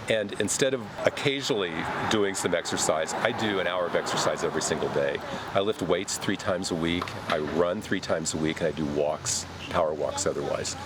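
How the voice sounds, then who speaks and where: A man's voice: low-pitched, very noisy. A man in his sixties answering a street interview in an upbeat, matter-of-fact way. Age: 60s.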